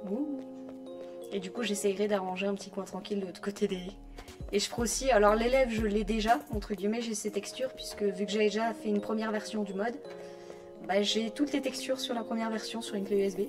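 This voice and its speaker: A woman talking through her modding work on a game in casual commentary, muttering to herself as she types and making chatty asides to viewers. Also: medium pitch. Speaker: game modder.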